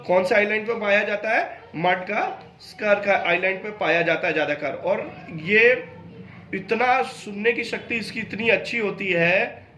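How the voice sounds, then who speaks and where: A male school teacher. He reads the textbook slowly and haltingly, then explains faster in his own words. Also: high voice, pushed and bright, a little hiss or hum. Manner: slow halting reading, quicker explaining. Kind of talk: online class lesson. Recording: roomy echo.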